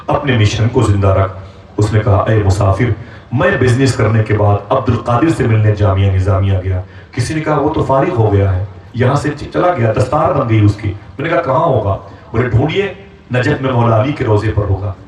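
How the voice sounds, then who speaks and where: Man, sermon, impassioned storytelling, mid pitch, big echoing hall, heard from afar. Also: darkish tone, a little hiss or hum. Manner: dramatic storytelling, rising to impassioned pitch when voicing characters. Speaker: preacher. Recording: echoey hall, speaker far from mic.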